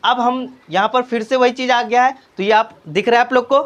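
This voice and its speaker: A man's voice: very high-pitched, steady tone, fairly quick, a bit bright, a little hiss or hum. A man tutoring a child in a small class, patiently drilling sounds with repeated questions and encouragement. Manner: patient, repetitive drilling with constant questions to the pupil; encouraging, urges speaking out and making mistakes. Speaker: tuition teacher. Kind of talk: spoken English reading lesson for a child. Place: small tuition class indoors.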